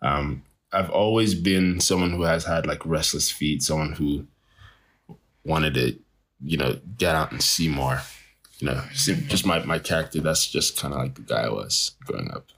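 A man, a travel photographer, chatting casually in an interview, animated and laughing often, with frequent restarts. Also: rumbling low, normal speed.

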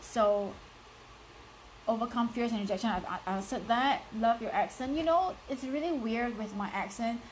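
Here a woman in her thirties with a strong Singaporean accent, working as a life coach, gives a live motivational talk aimed right at her viewers. Her voice is a little high and moderately paced, and she's direct and encouraging, with frequent "like" and "you know." The recording is rough and has slight background noise.

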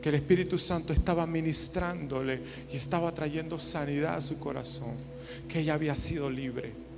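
A man preaching a sermon, moving from hushed storytelling to loud impassioned preaching. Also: fairly high pitch, steady tone, normal speed, gravelly, over music. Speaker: pastor.

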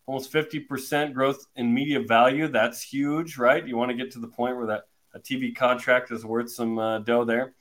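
An upbeat man hosts a sports podcast, running through numbers with easy fillers. His pitch sits in a middle range for a man. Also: little pitch movement, normal speed, few pauses, a bit bright. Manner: upbeat, reads stats with fillers. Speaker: podcast host.

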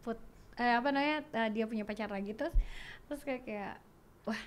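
Woman, 30s, high pitch, casual chat, animated storyteller, switches into English phrases. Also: brisk. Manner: animated, acts out dialogue, mixes in English. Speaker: guest.

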